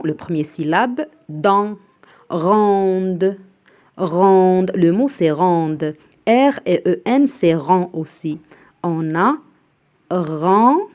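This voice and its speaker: Woman teacher, low mellow voice, spells and repeats words very slowly for kids. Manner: spells out letters and repeats each word slowly; glosses words in Arabic. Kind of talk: slow spelling and reading lesson for children.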